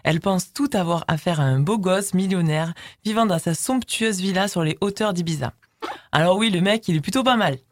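A woman's voice: lowish voice, brisk, no echo. Female co-host, playful presenter reading notes, dry close sound. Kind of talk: casual chat with read presentation.

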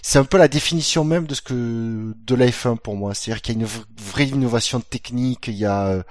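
A man's voice: medium pitch, a little fast, dry recording. Dry-voiced man explaining on a panel. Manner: explains his picks at length, with fillers. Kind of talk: casual podcast discussion.

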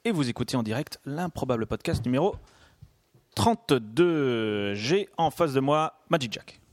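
A man's voice: mid-range voice, lively intonation, normal speed, no room sound. A man hosting a live podcast, running the show with playful, mock-formal announcements. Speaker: podcast host.

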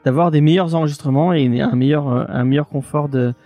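Man podcast co-host, excitable and playful, fairly high voice, stumbles over words on a headset, faint music behind. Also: fairly quick. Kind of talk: casual podcast chat.

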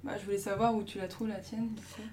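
A woman co-host casually asking questions and tossing in quick asides. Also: mid-range voice, flat delivery, mellow, slight background noise.

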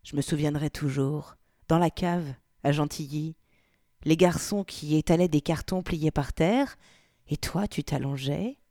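A woman's voice: low voice, measured pace, mellow, dry recording, clean studio sound, voice pushed down. A woman reading aloud and voicing a bold, worldly young woman who fires off prying questions.

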